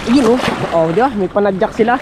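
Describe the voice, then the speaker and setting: High-voiced man shouting while swimming. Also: fairly quick. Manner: loud, laughing, shouting excitedly. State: out of breath. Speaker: vlogger. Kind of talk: excited outdoor vlog. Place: outdoors on a river, in the water. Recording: noisy outdoor recording by water. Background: splashing water.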